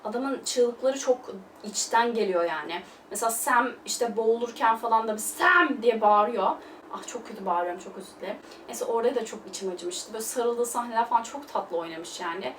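A young woman talks through a casual film review, her voice a bit high and caught from some distance in an echoing room. She gushes freely and leans on loose fillers. A faint hiss sits under the recording. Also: brisk. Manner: gushing, chatty, loose filler-heavy talk. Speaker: film vlogger.

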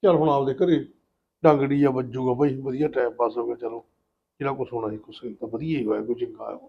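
A man playing an elderly village father who speaks in a soft, reassuring way. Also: mid-range voice, fairly even intonation, quick pace, gravelly, natural voice. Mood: reflective. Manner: soft, reassuring, musing aloud. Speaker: father figure in a family skit. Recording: dull lo-fi recording.

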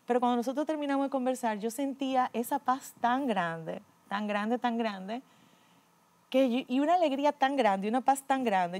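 A middle-aged woman, earnestly telling her personal faith testimony, often dropping to a quiet voice. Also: on the high side. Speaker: guest giving a testimony.

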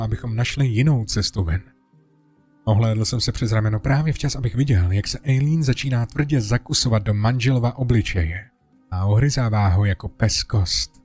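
A man reading a first-person horror story in a steady, dramatic way over a music bed. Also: lowish voice, breathy edge. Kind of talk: scripted horror narration.

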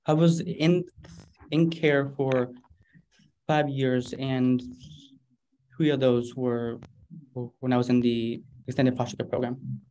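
Mellow-voiced young man, brief and hesitant. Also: mid-range voice, level tone, slow pace, pauses often, a little hiss or hum, poor audio. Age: young adult. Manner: brief, hesitant, plain-spoken. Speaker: intern, interview guest. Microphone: video call.

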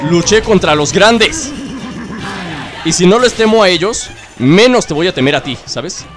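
Excitable Mexican man, lively high voice. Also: unhurried. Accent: Mexican Spanish. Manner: joking, excitable, chatters to the game, bursts into shouts. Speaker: gaming video host. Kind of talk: casual let's-play commentary. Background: game music.

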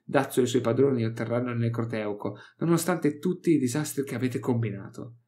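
A man's voice: medium pitch, brisk, mellow, lightly acted. A man voicing a gleeful, scheming male scholar of alien lore, mocking and triumphant in a theatrical way.

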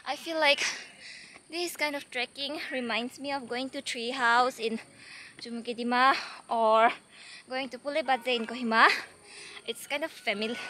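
A young woman travel vlogger climbs a forest mountain trail, tired, sweaty and breathless, chatting to a handheld camera held close and cheering herself on. Her voice is fairly high with a sharp tone, and there's a little hiss or hum.

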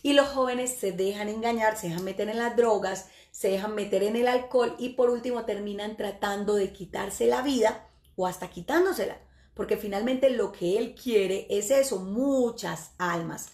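A woman's voice: medium pitch, moderate pace, a little mellow. A woman, a spiritual healer telling a testimony in an earnest, emphatic way. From Colombia. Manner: earnest, emphatic storytelling with direct address. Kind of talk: testimony-style spiritual talk. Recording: echoey room.

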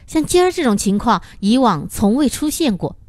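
A woman narrating a novel as an audiobook in an expressive storytelling manner. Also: on the high side, moderate pace, dry recording.

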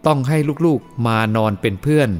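A man reading a first-person moral story aloud as the storyteller, in a steady, measured way. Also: mid-range voice, soft background music.

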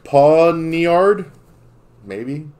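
A man's voice: fairly high pitch, expressive, very slow, a little mellow. A man opening trading card packs on a live stream, in casual chat, playfully confused and stumbling over the names.

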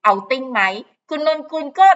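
A woman's voice: a little fast, a bit bright, lo-fi sound. A woman hosting her own channel, chatting casually and gossipily about a celebrity interview, with frequent fillers and asides. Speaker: channel host. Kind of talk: casual commentary to camera.

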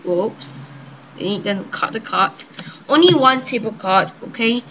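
Bright, higher-voiced young woman, halting delivery. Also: lively intonation. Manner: hesitant, halting, improvising. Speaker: amateur magician presenting a card trick. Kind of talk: casual demonstration with improvised patter. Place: indoors at a table. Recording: noisy home webcam-style recording.

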